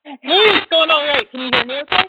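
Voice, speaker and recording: A woman's voice: high voice, brisk. A woman calling in on speakerphone, her voice scratchy and cutting out as if over a walkie-talkie, apologetic and checking if she can be heard. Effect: scratchy, cutting-out line like a walkie-talkie. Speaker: caller. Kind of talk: casual call-in chat. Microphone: phone on speakerphone. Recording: crackly noisy distant phone line.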